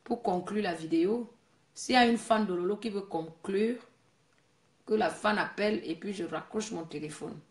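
A woman's voice: medium pitch, moderate pace, echoey room. A woman hosting a Facebook live video, talking casually and scolding her viewers, repeating her points. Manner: scolding, preachy, repeats herself. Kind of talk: casual live-stream monologue.

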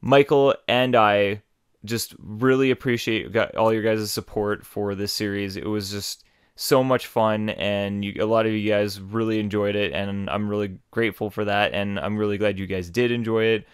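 A man's voice: lowish voice, fairly even intonation, normal speed, clean tone, dry recording, clean studio sound. A man talking casually to his viewers in a rambling, apologetic manner as a gaming host. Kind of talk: casual unscripted announcement to viewers. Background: music.

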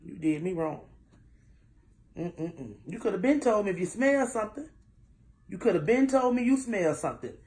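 A woman's voice: mid-range voice, expressive, normal speed, long pauses, a little mellow. A middle-aged woman, a single mother, chatting and rambling to her viewers. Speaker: single mom vlogging. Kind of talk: casual chat to viewers.

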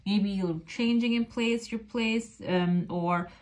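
A woman's voice: mid-range voice, slow pace, darkish tone. A woman who is a non-native English speaker, talking casually as a fortune teller giving a reading straight to the viewer. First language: not English. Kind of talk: casual coffee cup and oracle card reading to camera.

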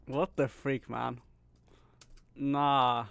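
Gravelly, laid-back young male streamer. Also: mid-range voice, little pitch movement, drawn-out words, fairly bright tone, no echo. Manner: laid-back, laughs often, says "bro" and "man" a lot. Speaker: live streamer. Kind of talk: casual gaming live-stream chatter.

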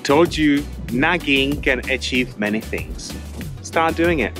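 A man chatting casually as a sailboat's first mate, teasing and joking with playful, drawn-out delivery. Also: mid-range voice, lively intonation, over music. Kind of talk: casual vlog chat.

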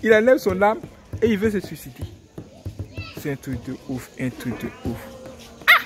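A young man teaching from the Bible, retelling a story in a lively sermon with exclamations and repeated phrases. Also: high voice, moderate pace, very noisy.

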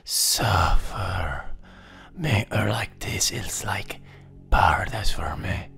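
A man voicing a sadistic, possessive incubus demon in a whispered role-play, taunting and menacing, with a breathy, gravelly delivery. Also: low voice, bright, forceful tone, exaggerated voice. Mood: sadistic, teasing. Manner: slow, menacing, mocking incubus teasing.

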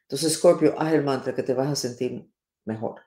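A woman's voice: very deep voice, moderate pace, mellow. A woman astrologer giving an emphatic, dramatic spoken horoscope reading and acting out each sign. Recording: roomy echo.

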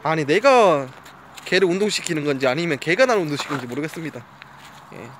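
A man's voice: on the high side, lively intonation, quick pace, a bit bright, slight background noise. A man chatting casually to camera while walking his dog by a riverbank outdoors, now and then coaxing the dog. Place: outdoors by a gravel riverbank at dusk.

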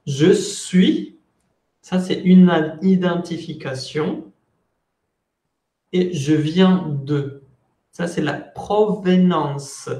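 A man in his thirties teaches French online, speaking slowly and carefully in a fairly high voice. He explains patiently, step by step, on an earphone mic. The room around him sounds echoey. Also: mellow. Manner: slow, deliberate, switches between French and Spanish explanations. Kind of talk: online language lesson. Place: office with window blinds. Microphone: earphone headset mic on video call.

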